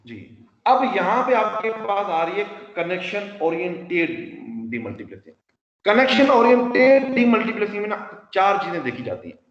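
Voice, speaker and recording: A man's voice: sits high, very animated, normal speed. A man delivers a classroom lecture, walking through each step by asking questions and answering them himself. The recording sounds dull and lo-fi, with a long echo from a large hall. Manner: explains step by step with rhetorical questions; mixes English technical terms into his speech.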